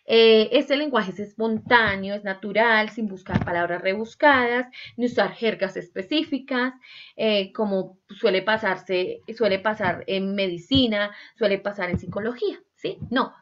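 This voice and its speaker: A woman teacher leads a class in a lively, animated way, acting out everyday phrases and asking the students to confirm they follow. Her voice sits mid-range, and the recording sounds dull and lo-fi. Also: medium pitch, measured pace. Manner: lively, acts out examples, asks "¿sí?" and "¿cierto?" often. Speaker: Spanish teacher. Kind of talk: online class lecture.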